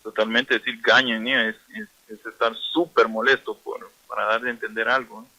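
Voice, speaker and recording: Male radio teacher, crisp bright voice, dry sound, patient drill-style explaining. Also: fairly low pitch, level tone, dry recording, poor audio. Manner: slow, explanatory, repeats words for learners. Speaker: language teacher. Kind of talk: radio language lesson.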